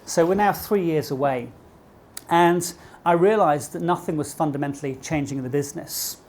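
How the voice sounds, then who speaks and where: A man's voice: fairly high pitch, normal speed, a little mellow. A middle-aged man with a posh British accent gives a motivational business talk to a live audience, engaging listeners with rhetorical questions. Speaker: keynote speaker. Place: speaking live at an event before an audience.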